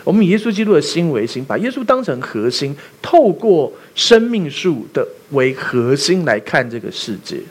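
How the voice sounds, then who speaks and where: A man preaching a sermon as pastor, animated and quizzing the congregation with rhetorical questions. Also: a little high, normal speed, hardly any pauses, husky.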